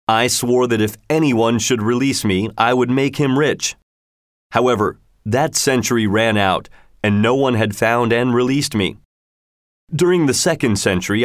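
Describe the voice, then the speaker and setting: Vengeful genie spirit, stern and commanding, slow and deliberate, read by a man, dry close sound. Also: mid-range voice, dry recording, natural voice.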